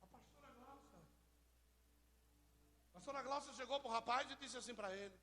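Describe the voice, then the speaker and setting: A man's voice: very high-pitched, normal speed, pushed and bright, slightly rough. A man with a Brazilian accent, preaching an informal sermon and joking with members of his congregation. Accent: Brazilian Portuguese. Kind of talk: informal sermon to a live church.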